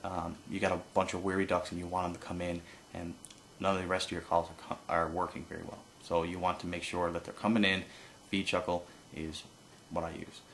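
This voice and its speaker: A man giving an informal hands-on tutorial as an instructor, explaining haltingly with pauses and no script. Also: sits low, level tone, creaky, fairly bright tone, a little hiss or hum. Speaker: duck-calling instructor.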